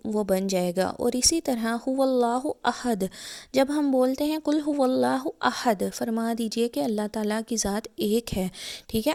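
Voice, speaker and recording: A woman's voice: on the high side, vocal fry, darkish tone. A woman with a Pakistani Urdu accent teaching Quran recitation, patiently repeating and spelling out letters one by one. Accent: Urdu-speaking Pakistani. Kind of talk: explanatory religious lesson.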